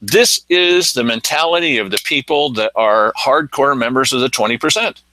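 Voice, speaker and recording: A man hosting a local news talk show, telling stories in a casual, animated way and acting out what others said. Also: mid-range voice, normal speed, dry recording, poor audio. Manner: animated storytelling, acting out quotes. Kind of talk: casual commentary chat.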